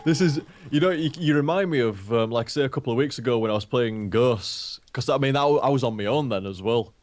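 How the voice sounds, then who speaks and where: Late-twenties man, quick friendly banter, easy laughter. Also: mid-range voice, darkish tone. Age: 20s. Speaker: gaming streamer. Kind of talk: casual chat on a live stream.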